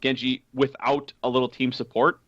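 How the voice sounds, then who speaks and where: A man chatting casually on a gaming podcast, laughing often and filling pauses with "um". His voice sits at an ordinary pitch. The sound is dry, with a slightly dull, muffled tone. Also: flat delivery, a bit bright, no echo. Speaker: podcast co-host.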